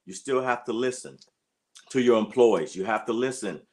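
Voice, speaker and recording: A man in his late fifties speaks as an interview guest. He talks in an earnest, plain way at a middle pitch and keeps dropping in "you know" as he makes his points. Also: normal speed, darkish tone. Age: 50s. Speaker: guest, track and field coach. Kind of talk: conversational interview.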